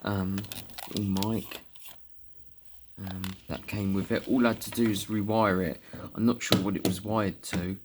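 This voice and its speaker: A man with a southern English accent and a fairly low, steady voice chats casually over a noisy background, talking a little slowly. He's a CB radio hobbyist making an off-the-cuff vlog, full of informal British slang.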